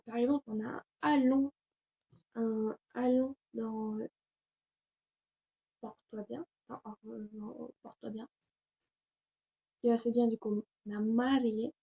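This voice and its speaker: Slow-talking young woman, dull recording. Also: fairly high pitch, warm tone, breathy edge. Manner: chatty, hesitant, many fillers. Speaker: language tutorial host. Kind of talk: casual spoken lesson. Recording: dull lo-fi sound.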